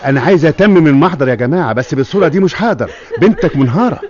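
An actor playing a calm, firm police officer in a classic radio drama, speaking Egyptian Arabic. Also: male voice, fairly high pitch, racing, a crowd in the background, lightly acted. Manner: firm, calming. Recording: lo-fi old radio recording.

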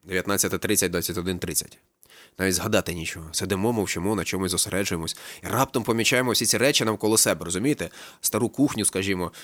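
A man's voice: sits low, racing, a bit bright, no echo. A man narrating a literary audiobook in a laconic, ironic storytelling manner. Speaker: audiobook reader.

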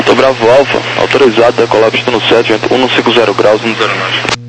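Heavy static-like noise surrounds a Brazilian man on a radio link. He works as a tower controller, issuing clearances in brief, formulaic phrases at a middling pitch. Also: level tone, quick pace. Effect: radio transmission. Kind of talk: clipped air traffic control phraseology. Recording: very noisy air traffic radio.

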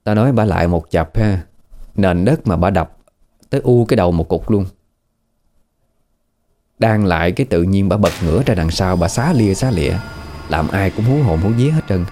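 A man's voice: sits low, expressive, moderate pace, pauses often, warm tone. A man with a Southern Vietnamese accent telling a horror story in a chatty, conversational way, often asking the listener questions. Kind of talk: casual spoken horror storytelling.

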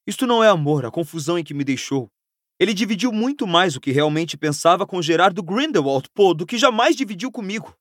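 Brief: Brazilian man playing a bitter teen wizard boy in an audiobook, lively, dry close read. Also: mid-range voice, fairly quick, dry recording, close to an everyday voice. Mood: furious. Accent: Brazilian Portuguese. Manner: bitter, raising voice in outbursts. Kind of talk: audiobook character voice.

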